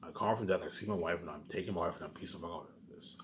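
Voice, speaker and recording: Talking to his viewers, a male video maker rambles casually at very high speed, insistent and boastful, often saying the same thing twice. His voice sits low, and there's a lot of noise in the background.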